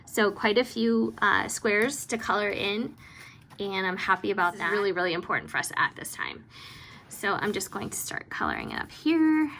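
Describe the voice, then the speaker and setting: A woman vlogger giving casual, rambling, self-deprecating commentary as she works, with vocal fry at the ends of her phrases. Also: mid-range voice, wildly swooping pitch, normal speed, bright, forceful tone, slight background noise. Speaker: planner vlogger hosting budget updates. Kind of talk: casual chatty voice-over commentary while working.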